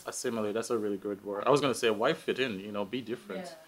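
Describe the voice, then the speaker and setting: A tech professional with a Guyanese accent speaks fast in a fairly low voice as a guest in a casual live conversation. He thinks aloud, sounding reflective and a bit hesitant.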